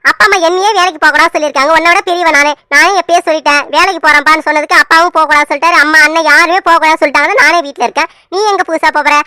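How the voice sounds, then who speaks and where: Woman doing a bossy cartoon big sister, very high bright voice, quick lecturing. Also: fairly even intonation, no echo, studio quality. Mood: reproachful. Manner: reproachful, lecturing. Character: elder sister, young woman, scolding and strict.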